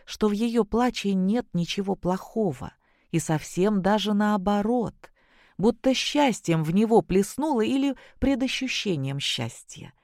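Audiobook narrator, calm and expressive, mid-pitched, dry close sound. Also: no room sound. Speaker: audiobook reader. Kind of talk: scripted narration.

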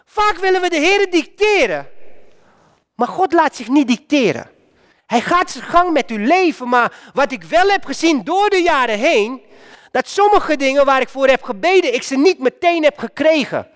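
A man preaching a sermon, speaking directly to his congregation with animated emphasis. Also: very high voice, moderate pace.

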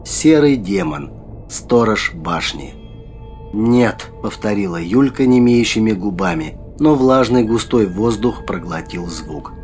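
A man narrating a dark fantasy audiobook in a measured storytelling manner, with faint music behind him. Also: lowish voice, animated.

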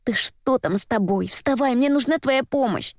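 A woman reading a story aloud voices a sharp-tongued heroine trapped in a bath, speaking urgently and with exasperation. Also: fairly high pitch, animated, normal speed, no room sound, studio quality, pitched above the performer's own voice. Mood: desperate.

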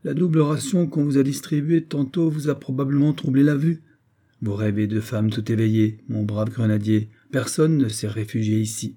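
A man's voice: mid-range voice, steady tone, normal speed, dark tone, voice pushed up, natural voice. A man voicing a proud young Saxon officer who speaks in a commanding, indignant way. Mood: stern.

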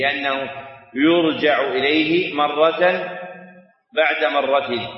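A middle-aged man gives a classical Arabic lesson in a measured, half-chanted dictation and repeats every phrase slowly. His voice sits a little high for a man. He sounds far from the mic, in a large hall with a long reverb, and the recording is dull. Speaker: Islamic scholar teaching a text.

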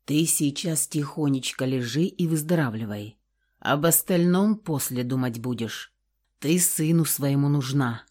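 A woman voicing a kind elderly man who speaks softly and soothingly to a young patient in an audiobook. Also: sing-song, moderate pace. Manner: soft, soothing, low and hushed. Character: gentle elderly man comforting a young mother.

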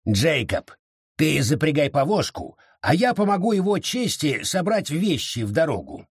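A man voicing a calm, sensible colonist who takes charge in an audiobook. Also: on the high side, moderate pace, slightly rough, no room sound, studio quality, exaggerated voice.

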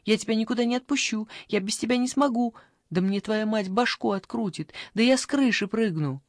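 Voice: moderate pace, no room sound, studio quality, lightly acted. A reader voicing a fussy, clingy old grandmother in an audiobook, pleading and fussing in a raised voice. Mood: pleading, anxious. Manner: pleading, fussing, high-pitched outbursts.

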